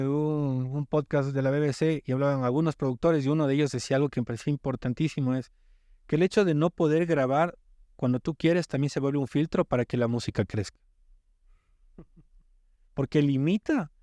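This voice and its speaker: His mid-range voice is warm, captured in a dry studio recording. He's a music producer from the Ecuadorian coast, chatting casually on a podcast, explaining with emphasis and tending to repeat words as he begins.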